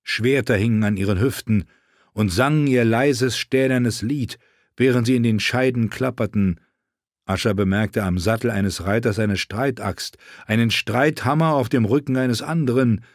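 A man narrating an audiobook in a measured, even storytelling manner. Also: medium pitch, no room sound, studio quality. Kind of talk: scripted narration.

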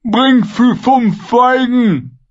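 A man voicing a greedy, cruel mercenary captain who slobbers and lisps through drawn-out words in an audiobook. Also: very high-pitched, highs cut off, voice pushed up, exaggerated voice. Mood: gloating. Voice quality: lisping, drawn-out slobbering speech. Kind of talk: audiobook character voice.

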